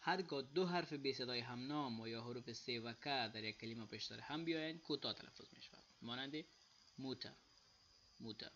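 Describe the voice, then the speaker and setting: A man with an Afghan Dari accent giving a casual spoken lesson, saying example words slowly and loudly, then explaining them quietly. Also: mid-range voice, highs cut off, a little hiss or hum. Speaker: language teacher.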